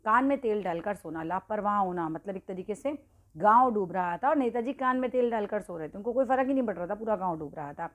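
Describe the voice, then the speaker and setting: A woman's voice: mid-range voice, expressive, fast talker. Casual woman tutoring idioms. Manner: conversational, addresses students directly, frequent checks and self-corrections. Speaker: Hindi teacher. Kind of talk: casual exam-prep lesson explaining idioms.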